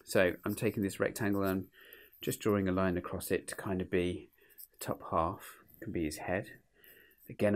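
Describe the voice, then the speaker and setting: His voice sits low with a darkish tone and a stuffy, sniffly sound from a cold. As host and illustrator, he talks viewers through a drawing step by step in a relaxed, informal, unhurried way.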